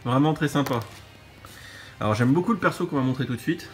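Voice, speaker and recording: A man's voice: medium pitch, a little fast, soft background music. A man co-hosting a toy set review in casual chat, often repeating his own phrases.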